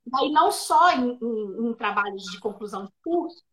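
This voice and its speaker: Mineira woman, speech therapist guest, high voice, animated, tip-giving. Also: normal speed, poor audio. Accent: Minas Gerais Brazilian Portuguese. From Minas Gerais, Brazil. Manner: animated, practical, gives tips with examples. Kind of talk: explanatory interview answers. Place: remote live video session.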